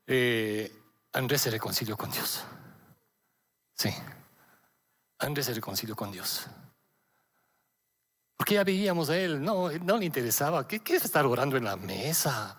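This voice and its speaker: A man's voice: mid-range voice, a bit bright. A middle-aged man preaching a sermon in church, earnest and personal, repeating his phrases and checking in with the congregation. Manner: earnest, repeats phrases with frequent tag questions. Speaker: pastor.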